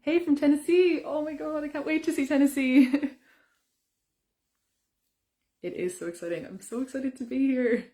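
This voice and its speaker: A young woman, a singer, chatting brightly with fans during a live Q&A, with many ums and restarts. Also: high-pitched, moderate pace, long pauses. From Ireland. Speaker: singer hosting a fan Q&A. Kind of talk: casual live-stream chat. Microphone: phone or webcam on a live stream.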